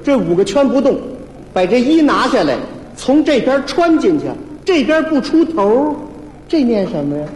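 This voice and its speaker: A man's voice: very high voice, very animated, moderate pace, darkish tone. A man performing stage crosstalk comedy, slyly quizzing his partner with teasing riddles. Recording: echoey hall with faint hiss.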